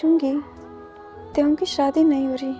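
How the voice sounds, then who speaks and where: A woman's voice: sits high, level tone, normal speed, dark tone, faint music behind, natural voice. A woman voicing a flustered young man in love in a told fan-fiction story. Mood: nervous.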